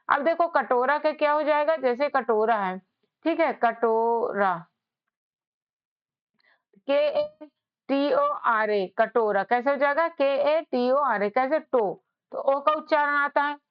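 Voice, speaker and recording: Woman teacher, high voice, patient, keeps repeating herself, kinda dull lo-fi sound. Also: clean tone. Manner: patient, repeats each point with rhetorical questions. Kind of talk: whiteboard lesson.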